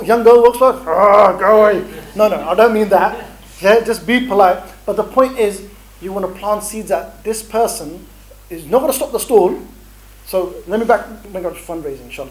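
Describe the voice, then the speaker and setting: Lively man giving a training talk. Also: sits high, poor audio. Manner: animated, bantering, acts out street encounters. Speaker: dawah trainer. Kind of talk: energetic workshop talk.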